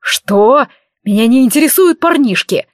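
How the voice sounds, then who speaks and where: A woman's voice: mid-range voice, normal speed, breathy edge, dry recording, studio quality, close to an everyday voice. A woman voicing a hulking, hot-tempered male werewolf who barks and growls his lines in an audiobook. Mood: furious. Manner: growling, barking shouts.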